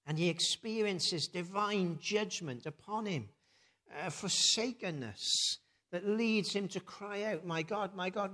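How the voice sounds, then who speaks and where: A man's voice: fairly high pitch, a bit bright. A man preaching a reflective sermon before a communion service, with many rhetorical tag questions and thoughtful hesitations.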